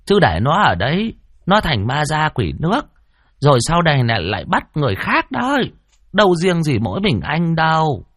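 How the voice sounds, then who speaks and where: A man voicing a wise old great-grandmother who speaks firmly and in a measured, scolding way. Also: on the high side, wildly swooping pitch, a bit bright, no room sound, clean studio sound, pitched above the performer's own voice, exaggerated voice. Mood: stern.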